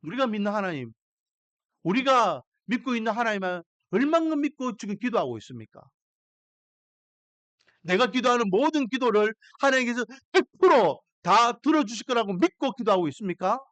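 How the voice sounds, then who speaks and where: Male pastor, high and very animated delivery, rhetorical questions, dry close sound. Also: moderate pace, dry recording. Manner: preaching with rhetorical questions and dramatic emphasis. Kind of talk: Sunday morning sermon.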